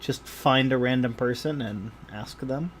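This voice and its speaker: A man acting as game master, narrating casually with a hesitant, halting delivery. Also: medium pitch, a little hiss or hum.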